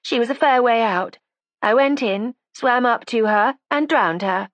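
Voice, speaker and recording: A woman's voice: a little high, unhurried, no room sound, pitched above the performer's own voice, lightly acted. A woman playing a defiant, sarcastic young woman. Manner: sarcastic, combative. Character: defiant resentful young woman making a false confession. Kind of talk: audiobook character voice.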